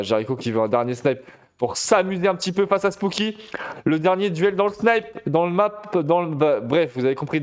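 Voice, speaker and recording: A man casting a competitive shooter match live, chatty and excitable, talking straight to his viewers. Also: fairly high pitch. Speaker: esports caster. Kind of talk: live game commentary.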